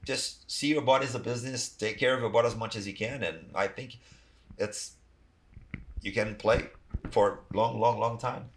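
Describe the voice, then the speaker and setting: A man's voice: medium pitch, steady tone, normal speed. A middle-aged man from Brazil with a Brazilian accent, speaking English, talking casually in a podcast interview and filling his speech with "you know" and "like". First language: Portuguese. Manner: rambling, many "you know, like" fillers. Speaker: guest, athletic trainer.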